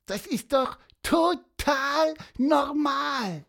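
A woman's voice: high voice, animated, drawn-out words, creaky, a bit bright, full character voice. A woman voicing a small, eager, helpful bird in an audio storybook, chatty and stammering with fillers.

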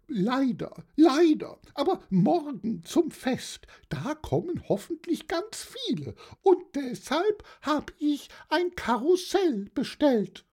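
A narrator voicing a cheerful, excitable elderly aunt who chatters with little "äh" fillers, in a storybook reading. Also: takes it slowly, hardly any pauses, full character voice. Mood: bubbly. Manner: bubbly, high and excited, with hesitant "äh" fillers. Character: cheerful elderly aunt hosting a birthday party.

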